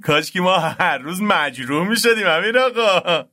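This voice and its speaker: A playful, teasing young student with a high, light voice, as an actor plays him in a radio drama. He is quick to argue and easily confused, and he jokes through every explanation. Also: lively intonation, bright, forceful tone. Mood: joking. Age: young adult. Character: joking, muddled young male university dorm student.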